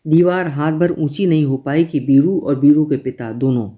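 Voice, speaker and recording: A man reads a literary story aloud in the first person, measured and steady. His voice sits somewhat high with a mellow, soft timbre. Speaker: narrator.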